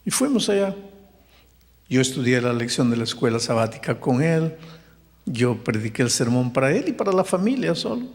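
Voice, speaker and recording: A pastor telling a story in a sermon, rising to impassioned pleading. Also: male voice, mid-range voice, very animated, moderate pace. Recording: long hall reverb.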